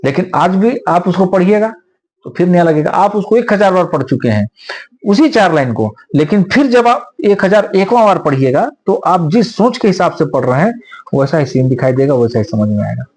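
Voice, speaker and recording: Husky measured lawyer man. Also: high-pitched, animated, a little mellow. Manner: measured, lecturing, uses homely examples. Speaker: senior advocate. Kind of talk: explanatory interview answers.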